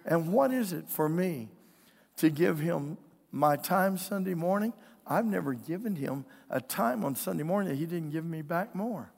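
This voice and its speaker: This pastor's voice sits on the high side, with lively intonation, a moderate pace, vocal fry, and a darkish color. Preaching indoors in a reverberant church hall, he keeps his sermon folksy, earnest, and conversational, regularly calling for an amen. Strain weakens his voice, and he clears his throat now and then.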